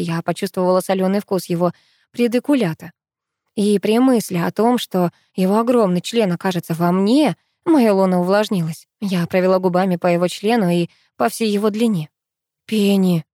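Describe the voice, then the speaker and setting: Female audiobook narrator, first-person romance, intimate delivery, warm tone, dry close mic. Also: mid-range voice, no echo.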